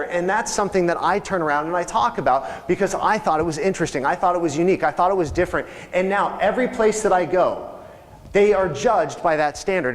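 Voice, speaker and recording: A man leading a live real estate sales training, talking conversationally and asking the audience questions. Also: sits high. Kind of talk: live training seminar talk. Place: training room with reverb. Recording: live room recording with long reverb.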